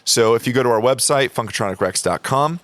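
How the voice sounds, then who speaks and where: A man's voice: mid-range voice, fast talker, a bit bright, no room sound. A man hosting a podcast in a casual, upbeat, promotional way. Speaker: podcast host. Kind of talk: casual chat.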